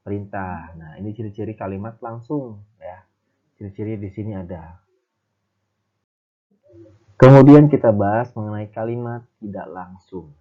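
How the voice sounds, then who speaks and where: A male teacher with a fairly low voice walks through a grammar lesson step by step, pausing often on small fillers. The sound is thin and narrow, like a phone line. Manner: explains step by step with frequent fillers.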